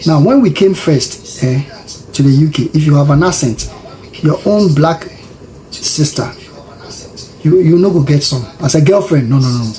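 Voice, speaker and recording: A man from Africa, giving casual commentary in an animated, preachy way that repeats itself. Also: fairly high pitch, moderate pace, long pauses, low-quality recording.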